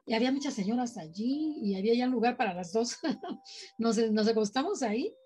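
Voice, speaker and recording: A woman with a Mexican accent tells a personal story in a casual chat, her voice pitched fairly high with a breathy edge. She livens the tale by acting out the people she quotes. Soft music plays faintly underneath. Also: animated, brisk. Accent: Mexican Spanish. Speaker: podcast guest sharing paranormal experiences.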